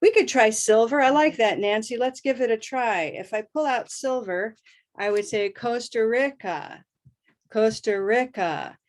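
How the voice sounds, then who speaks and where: Upbeat middle-aged American woman, online pronunciation teacher, slow repetitive drilling. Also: a little high. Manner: upbeat, drills words by repeating them slowly. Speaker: host and English pronunciation teacher. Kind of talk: live online pronunciation lesson.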